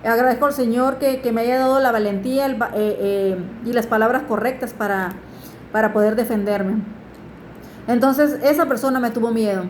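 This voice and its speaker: A woman tells her religious testimony in an earnest, pleading way. Her voice sits a little high, and the room around her gives it a noticeable echo. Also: normal speed, a little mellow, slight background noise. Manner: earnest, pleading with listeners to turn to God. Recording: echoey room.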